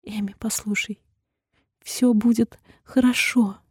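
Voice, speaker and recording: Female reader as a tender nurse in an audiobook, hushed and soothing, husky tone. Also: on the high side, steady tone, slow, dry recording, studio quality, pitched above the performer's own voice, full character voice. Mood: soothing, sorrowful. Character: caring nurse sister, gentle and sorrowful.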